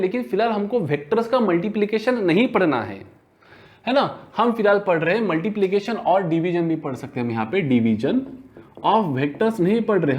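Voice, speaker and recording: Chatty Hindi-physics teacher. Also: male voice, high voice, a little mellow. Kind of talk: classroom lecture.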